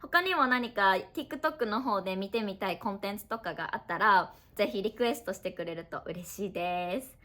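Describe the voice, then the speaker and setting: A woman in her twenties from Japan, an online Japanese teacher talking casually to learners at her family home, chatty and friendly, explaining slowly with examples. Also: medium pitch, pushed and bright. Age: 20s. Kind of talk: casual podcast talk to learners.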